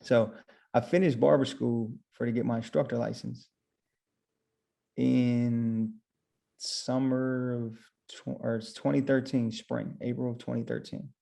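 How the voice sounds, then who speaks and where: A man's voice: mid-range voice, fairly even intonation, measured pace, creaky, warm tone. A man who owns barbershops, guest on a podcast, telling his story casually and retelling his own thoughts as quotes.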